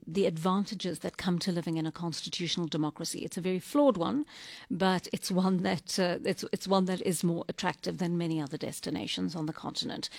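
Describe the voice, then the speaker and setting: A woman hosting a radio talk show, reading listener notes and taking calls in a measured, reflective way. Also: fairly low pitch, darkish tone, dry recording, clean studio sound. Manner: measured, reflective commentary with brief listener acknowledgements.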